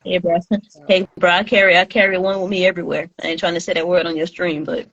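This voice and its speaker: A woman's voice: on the low side, little pitch movement, a bit bright, no echo, muffled recording. A woman guest in a casual chat, joking and laughing easily. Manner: quick, joking, laughs often.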